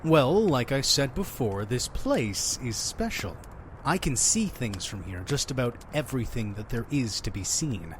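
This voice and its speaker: In an audio drama, a man plays a friendly yet mysterious innkeeper who tells stories and trades dialogue, earnest and persuasive with a folksy touch. His medium-pitched voice has a sing-song lilt and a measured pace, and the background is noisy.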